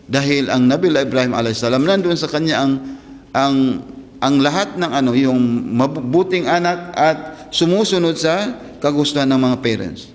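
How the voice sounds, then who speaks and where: A man's voice: medium pitch, animated, moderate pace, long reverb tail. A man preaching a religious story in a rambling way, often asking his listeners "ha?" and mixing in Arabic phrases.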